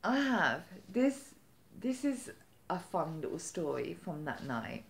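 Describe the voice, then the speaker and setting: A woman vlogger telling a story in casual chat, animated and chatty, acting out the quotes with lively jumps in her voice. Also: lowish voice, slow pace, creaky. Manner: chatty with many "like" fillers.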